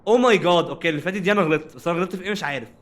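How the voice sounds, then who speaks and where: A young man speaks with an Egyptian Arabic accent in casual let's-play commentary. His delivery is rapid and his tone bright and sharp, pitched a little high. He jokes and talks straight at the game's characters. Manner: animated, jokey, talks to game characters. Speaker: gaming streamer.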